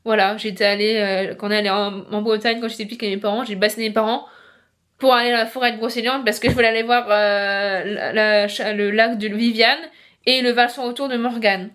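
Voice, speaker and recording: Une jeune femme qui parle de ses livres face caméra, sur un ton décontracté, bavard et décousu, avec beaucoup d'hésitations. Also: female voice, on the high side, steady tone, a little fast, a bit bright. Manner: chatty, rambling, many fillers and restarts. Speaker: book vlogger. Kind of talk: casual chat to camera.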